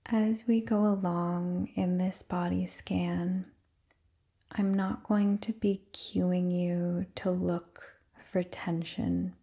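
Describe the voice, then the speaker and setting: Speaking in a breathy, almost whispered voice that is mellow and dark, a woman leads a meditation. Her pitch is fairly low, her pacing very slow and soothing, and she leaves long pauses between phrases. Her intonation remains gentle and quite flat the whole way through.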